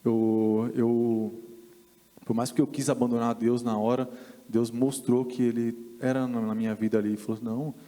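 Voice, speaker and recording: Earnest Brazilian man, mellow voice. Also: mid-range voice, level tone, big-room sound. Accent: Brazilian Portuguese. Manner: earnest, halting storytelling. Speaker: podcast guest giving testimony. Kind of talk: personal faith testimony. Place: church podcast studio.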